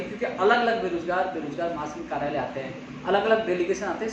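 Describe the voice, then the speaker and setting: High-voiced man in an echoey room. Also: dull audio. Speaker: host of a live update stream for job seekers. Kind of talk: live social media update, spoken address to followers. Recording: echoey room, far from mic, faint noise.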